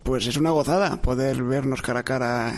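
Science guy on radio, talks with little pauses, even tone. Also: medium pitch. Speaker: science communicator guest. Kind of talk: radio interview.

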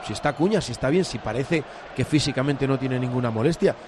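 A man's voice: mid-range voice, fast talker. A man with an accent from Spain giving insistent, opinionated live match analysis in a conversational way, on a noisy live broadcast. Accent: Spanish from Spain. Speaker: football pundit.

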